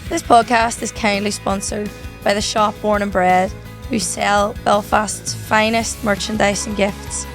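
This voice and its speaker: A woman's voice: medium pitch, flat delivery, unhurried, soft background music. A woman with a Northern Irish accent, co-hosting a podcast in a casual, chatty style. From Northern Ireland. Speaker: podcast co-host. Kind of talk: casual chat.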